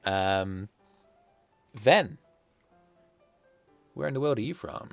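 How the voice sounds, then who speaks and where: A man's voice: lowish voice, lively intonation, slow pace, vocal fry, soft background music. A man with a posh, plummy southern English accent, hosting a casual livestream interview. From south of England. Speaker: stream host interviewing artists.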